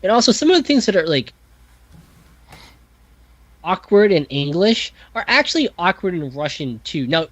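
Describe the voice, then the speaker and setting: A man's voice: sits high, sing-song, moderate pace, long pauses, dry recording, lo-fi sound. A man talking casually and thoughtfully on a podcast, full of fillers, restarts and self-corrections. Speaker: podcast guest, composer. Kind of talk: casual discussion.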